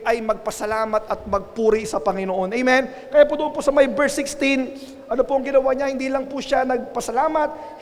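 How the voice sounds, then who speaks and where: A man with a Filipino accent preaching a sermon as pastor, switching between languages and often calling on the congregation for an amen. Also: extremely high pitch. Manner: call-and-response preaching, repeatedly asking for an amen. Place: church. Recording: echoey church with long reverb.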